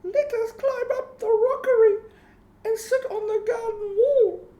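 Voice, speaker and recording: A man voicing a small, eager girl kitten from a children's storybook, in a falsetto that calls out playfully. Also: fairly even intonation, unhurried, dark tone, echoey room. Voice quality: very high falsetto. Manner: eager calling out.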